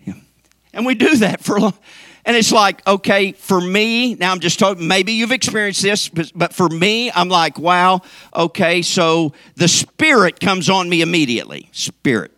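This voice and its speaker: A man's voice: high voice, normal speed, bright, forceful tone, no room sound, studio quality. A man preaching a sermon to his congregation, folksy and joking, swinging up into emphatic peaks. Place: church sanctuary.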